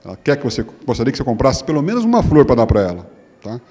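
A Brazilian man gives a lively, joking lecture, his pitch swinging up and down as he mimics other voices in a higher tone. His voice carries a long reverb from a lecture hall. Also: rapid-fire. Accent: Brazilian Portuguese. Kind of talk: humorous lecture.

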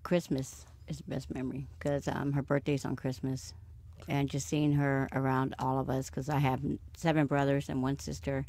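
Brief: woman, late forties, gravelly low-key voice, dry close booth sound, easygoing interview answers. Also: level tone, moderate pace, hardly any pauses, dark tone, dry recording. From Sacramento, California. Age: 40s. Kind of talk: casual personal conversation. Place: small recording booth.

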